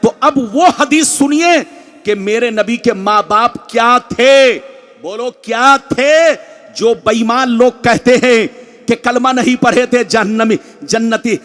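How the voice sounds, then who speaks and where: A man preaching a booming, combative sermon to a religious gathering, urging the crowd to answer back. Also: slow pace, a bit bright. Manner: combative, exhorting the crowd to chant and respond. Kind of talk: booming, rousing public sermon with call-and-response. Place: large public religious gathering, over loudspeakers. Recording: long hall reverb from a PA.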